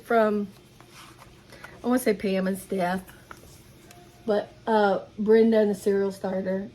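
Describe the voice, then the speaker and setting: A woman's voice: fairly high pitch, darkish tone, slight background noise. A middle-aged woman chatting casually about her cross-stitch haul in an enthusiastic, rambling way, recorded at home. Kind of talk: casual show-and-tell chat.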